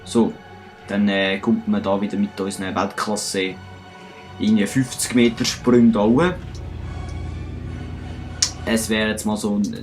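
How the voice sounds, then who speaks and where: Low-voiced Swiss German man for let's play narration, chatty and self-mocking, soft music bed. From Switzerland. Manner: chatty, self-mocking, talks to himself and viewers. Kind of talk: casual gameplay commentary.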